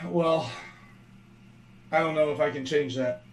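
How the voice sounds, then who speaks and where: A man chatting as a remote guest on a live stream, his voice run through a robotic voice changer filter, with quick joking remarks. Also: on the high side, a little hiss or hum. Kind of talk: casual live-stream chat.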